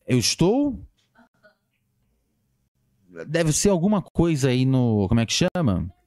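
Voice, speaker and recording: Brazilian male podcast host, playful live-chat banter, very lively pitch. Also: slow pace. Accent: Brazilian Portuguese. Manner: animated, playful, jumps in pitch when reading names. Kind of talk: casual livestream chat.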